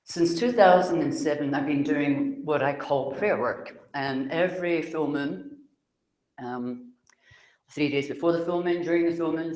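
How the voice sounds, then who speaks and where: Scottish woman, Glasgow accent, loud chatty public speaker, roomy hall sound. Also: sits low. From Scotland. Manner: loud, chatty, laughs often. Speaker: psychic speaker. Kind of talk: public talk to an audience.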